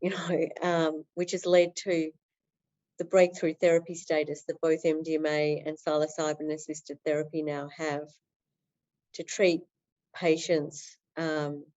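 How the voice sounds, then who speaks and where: In an unhurried, flat delivery, a low-pitched Australian woman answers earnestly as a podcast guest, using many fillers as the interview flows on. Her tone is darkish and the highs are cut off.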